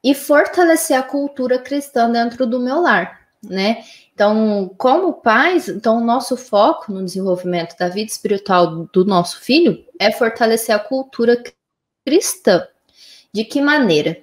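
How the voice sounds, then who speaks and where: A woman, a mother, calmly explaining her views on raising children in casual conversation. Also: a little high, normal speed, reverberant. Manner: calm, explanatory, frequent "né?".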